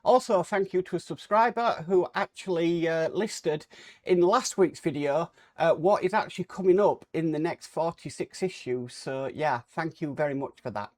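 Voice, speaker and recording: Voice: mid-range voice, normal speed. A person hosting a casual hands-on model-building video, talking with a cold sore on the lip. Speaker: host of a model-building channel.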